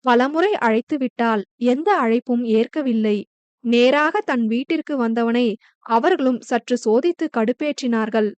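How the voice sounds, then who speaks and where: High-voiced woman reading a romance novel. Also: measured pace, clean tone, no room sound. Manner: voices each character's lines with heated emotion. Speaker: audiobook narrator. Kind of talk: dramatic novel reading with dialogue.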